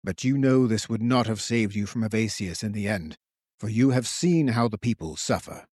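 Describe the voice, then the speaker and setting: A man voicing an ancient resurrected king who speaks slowly and gravely in an audiobook. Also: fairly low pitch, a little mellow, dry recording, clean studio sound, close to an everyday voice. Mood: stern. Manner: slow, grave, measured. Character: ancient resurrected male king, commanding, solemn. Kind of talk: audiobook character voice.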